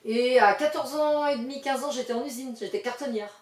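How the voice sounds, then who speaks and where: A woman's voice: sits high, fairly quick. An older woman from the French countryside, chatting as an interview guest in a loose, filler-heavy way with laughing asides. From western France countryside. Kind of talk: casual interview chat. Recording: roomy sound from a distant mic.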